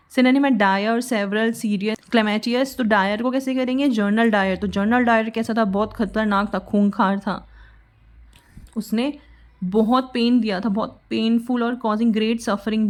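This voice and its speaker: A woman teaching vocabulary, explaining words with memory tricks and spelling them out patiently. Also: a little high.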